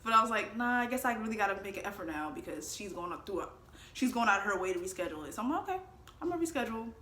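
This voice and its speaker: Bright chatty young woman telling a story. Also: medium pitch, sing-song, very fast, reverberant, a little hiss or hum. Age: 20s. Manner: chatty, laughing, acts out voices. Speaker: vlogger. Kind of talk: casual storytime.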